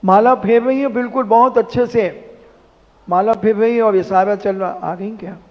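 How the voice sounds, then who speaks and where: Casting: high-pitched male monk preacher, animated and scolding, in an echoing hall with dull sound. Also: normal speed. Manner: animated, rhetorical scolding with mimicry. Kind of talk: sermon.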